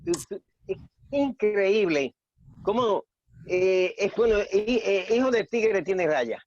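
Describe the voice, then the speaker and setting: A man chatting on a panel, talking straight to the others in an animated way. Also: high-pitched, slow, no room sound, lo-fi sound. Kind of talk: casual chat.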